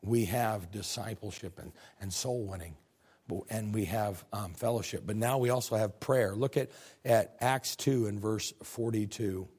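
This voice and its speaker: A middle-aged pastor preaching a folksy, animated sermon, repeating phrases and talking directly to his congregation. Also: on the low side, a little slow, breathy edge.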